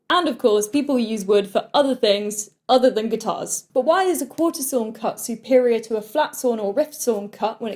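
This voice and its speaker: A woman's voice: on the high side, a little mellow. Chatty British woman explaining guitar making. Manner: chatty, light joking asides. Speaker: guitar maker. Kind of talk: explainer video lesson.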